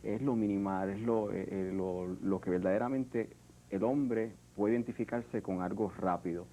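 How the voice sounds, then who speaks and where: A man with a Puerto Rican accent, thinking aloud as he talks about his work. His voice sits low and sounds mellow and relaxed, with restarts and small pauses throughout. A faint hum of room ambience stays behind him. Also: poor audio. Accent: Puerto Rican Spanish. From Puerto Rico. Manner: reflective, hesitant, many fillers and restarts. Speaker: artist, sculptor. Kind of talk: interview conversation.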